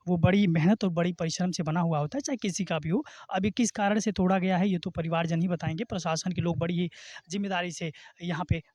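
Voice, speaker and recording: High-voiced male field reporter, dry sound. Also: steady tone, darkish tone, dry recording. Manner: measured, formal reporter questions. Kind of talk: on-the-spot news reporting and questioning.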